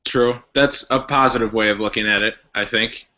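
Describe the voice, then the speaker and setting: A male podcast panelist discusses wrestling casually, halting and circling back as he explains himself. His voice is very bright and forceful, captured on slightly dull, lo-fi audio. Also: on the low side, fairly even intonation.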